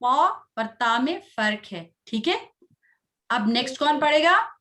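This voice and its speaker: A woman leads a children's tajweed class, her voice sitting a little high for a woman. She draws each Arabic syllable out slowly for pupils to echo. Between recitations she asks short questions and offers patient encouragement. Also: lively intonation, pushed and bright. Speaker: Quran recitation teacher.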